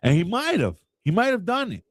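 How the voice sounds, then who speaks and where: A man chatting on a podcast, telling a story with animated energy. His pitch swings widely as he goes. The sound is dry and close to the mic. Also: fairly quick, no echo. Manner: animated storyteller who acts out quoted people. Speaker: podcast co-host. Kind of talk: casual chat.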